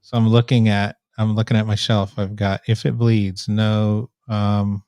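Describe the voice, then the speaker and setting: Guy hosting a casual live chat, kinda low nasal voice, right on the mic, no echo. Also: level tone, unhurried, mellow, clear, resonant tone, studio quality. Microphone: microphone right up close.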